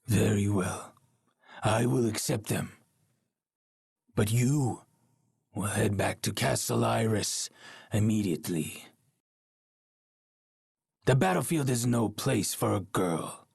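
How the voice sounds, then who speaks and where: An actor playing a proud, paranoid warrior king in a game cutscene, with a gravelly, husky voice and an imperious, scornful manner. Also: on the low side, a little mellow, dry recording, clean studio sound, heavily acted. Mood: cold, dismissive. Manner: imperious, scornful, slow and deliberate. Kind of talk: dramatic video game cutscene acting.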